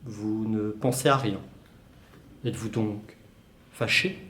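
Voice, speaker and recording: A young man's lowish voice, fairly bright and fairly even in intonation, pleads slowly as he plays an anxious lover in a solo stage reading. The student actor stammers and repeats himself, and the space carries a roomy echo.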